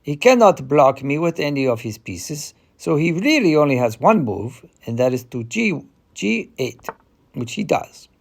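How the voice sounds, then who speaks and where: A man playing a confident chess player with an Eastern European accent, explaining a game in a deliberate, hesitant way. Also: fairly high pitch, sing-song, creaky, heavily acted. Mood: assured. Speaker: chess player giving a tutorial.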